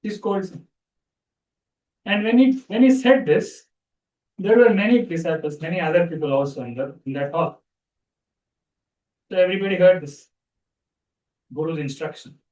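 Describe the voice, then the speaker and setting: A man, a spiritual teacher giving a talk in a conversational, animated storytelling manner. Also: high-pitched, normal speed, long pauses. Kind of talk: spiritual discourse. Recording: roomy sound from a distant mic.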